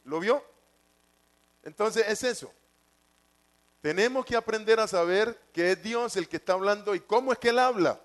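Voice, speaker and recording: High-voiced man preaching. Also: fairly bright tone. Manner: repetitive, asks the congregation questions. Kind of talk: sermon.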